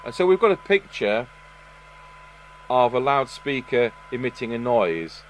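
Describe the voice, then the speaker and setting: He has a medium-pitched voice with big pitch swings and an unhurried delivery, captured in a low-quality recording. A British radio repair technician presenting a review, he thinks aloud casually and matter-of-factly while working. The setting is an indoor electronics workshop with clear background noise and an electrical hum.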